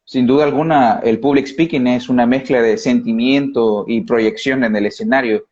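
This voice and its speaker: A man's voice: mid-range voice, steady tone, moderate pace, a little mellow. A man hosting a live-stream interview, asking questions in a polite, formal way. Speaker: host. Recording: dull lo-fi live-stream audio.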